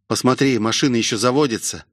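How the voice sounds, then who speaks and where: A man voicing a strict, composed man who gives calm commands. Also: medium pitch, fast, no echo, studio quality, lightly acted. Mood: stern. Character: stern composed man, steadying a panicked driver.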